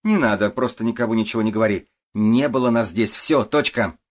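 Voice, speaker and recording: A man's voice: fairly low pitch, fairly quick, voice pushed up, natural voice. A man voicing a pushy, commanding woman with powerful connections who talks in an insistent, threatening way, in an audiobook.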